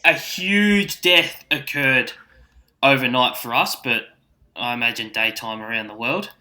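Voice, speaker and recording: Man, Australian accent, blokey tradesman slang, punchy bright voice, casual podcast banter. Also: mid-range voice, measured pace. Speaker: podcast co-host. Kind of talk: casual chat with mates.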